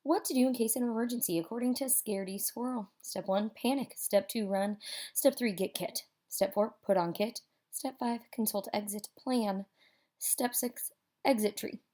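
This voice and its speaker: With a fairly high pitch, a woman performs a children's picture book aloud, reading expressively and theatrically with dramatic pauses and emphasis.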